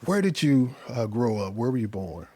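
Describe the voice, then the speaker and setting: A man's voice: mid-range voice, sing-song, moderate pace, dark tone, no echo. An American man from Dallas hosting a casual chat, effusive and often repeating his words. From Dallas, Texas, US. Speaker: podcast host and interviewer.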